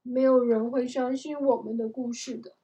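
A woman's voice: fairly high pitch, fairly even intonation, moderate pace, dark tone, close to an everyday voice. A woman reading a storybook aloud, voicing a thoughtful, cautious young boy in an earnest tone close to her own voice.

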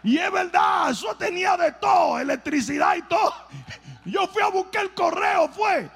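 A man's voice: very high-pitched, animated, moderate pace, creaky, fairly bright tone, raised voice, in a large hall. A male pastor preaching a sermon with comic storytelling and emphatic delivery.

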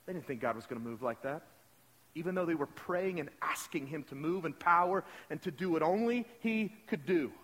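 A man with a high voice preaching a sermon in a church sanctuary, the long reverb of the big hall trailing after each phrase. He talks in a conversational, story-telling way and keeps asking the congregation direct questions. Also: a bit bright, slightly rough. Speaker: pastor.

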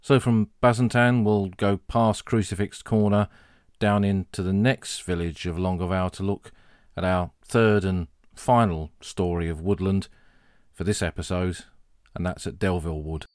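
A low-pitched man narrates military history for his podcast in a measured, earnest tone. His voice is close and dry, with no room sound around it. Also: steady tone, a little mellow, clean tone, no echo.

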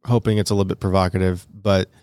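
A man's voice: low-pitched, flat delivery, quick pace, darkish tone, no echo. A man hosting a podcast in casual talk, his words slightly mumbled because his mouth is still numb after dental work. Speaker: podcast host. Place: podcast studio.

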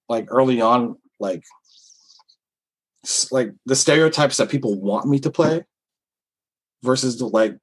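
A man with a slightly husky, breathy voice talks through his experiences in comedy. He rambles candidly, stacking up fillers and restarts as he thinks aloud. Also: mid-range voice, low-quality recording. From Philippines heritage. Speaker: comedian guest. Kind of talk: casual interview talk.

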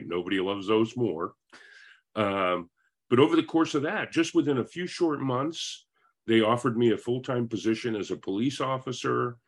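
A man in his fifties from Northern California, a guest telling his life story in a friendly, rambling way over a video call. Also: on the low side. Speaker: interview guest.

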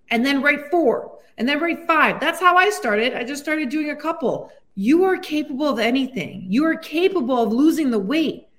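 High-voiced upbeat woman coach. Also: fairly bright tone. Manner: upbeat, encouraging, speaks directly to the listener. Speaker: weight loss coach and podcast host. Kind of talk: solo motivational podcast talk.

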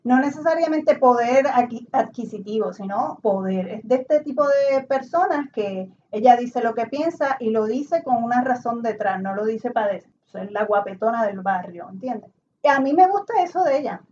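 Outspoken Puerto Rican woman, higher voice. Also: lively intonation, moderate pace, darkish tone. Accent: Puerto Rican Spanish. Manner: outspoken and opinionated. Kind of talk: casual conversation. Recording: dull audio from a distance with faint noise.

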